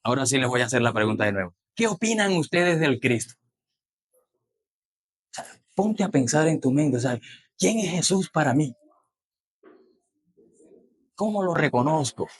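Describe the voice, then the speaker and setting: A man preaching a sermon, retelling scripture in an animated way and putting questions to the congregation. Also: medium pitch, moderate pace, pauses often, breathy edge.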